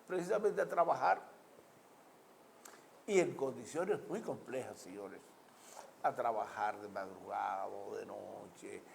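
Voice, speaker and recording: Slight background noise sits under this fairly low, creaky male voice, which moves slowly and pauses often. He's a Dominican man with a Caribbean Spanish accent, offering political and social commentary to his audience in an emphatic, speechmaking manner, piling up repeated lists and asking rhetorical questions.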